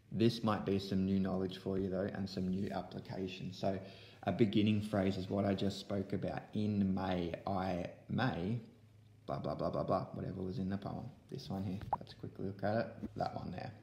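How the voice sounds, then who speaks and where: A man's voice: low-pitched, level tone, moderate pace, vocal fry, a little mellow, echoey room. A young man teaching an online lesson to young pupils from home, explaining step by step into a laptop webcam. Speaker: primary school teacher. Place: room at home.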